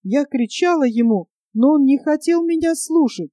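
A woman voicing a touchy, forgetful female jay with a scratchy, creaky voice in a storybook tale. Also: high-pitched, expressive, normal speed, warm tone, no echo, voice pushed up. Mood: eager.

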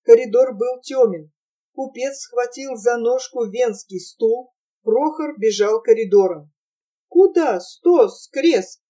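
Slow, dark-toned woman reading a story. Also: a little high, recorded from a distance. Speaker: narrator. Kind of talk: literary audiobook reading.

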